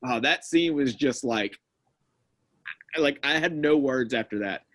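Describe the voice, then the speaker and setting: Animated man in casual chat. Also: mid-range voice, a little slow, no room sound. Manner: animated retelling, acts out quotes, many "like"s. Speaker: podcast co-host. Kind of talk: casual chat recapping a TV show.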